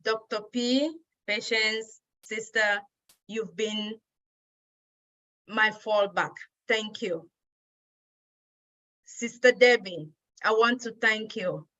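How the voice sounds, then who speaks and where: A woman's voice: mid-range voice, steady tone, slow, long pauses, pushed and bright, lo-fi sound. A woman from Cameroon giving an earnest, grateful personal speech at a women's day event.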